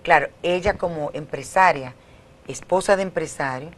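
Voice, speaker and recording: Dominican woman w caribbean spanish accent, kinda low voice, middle aged, explaining stuff in an interview. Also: normal speed. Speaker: interview guest, historian and academic director.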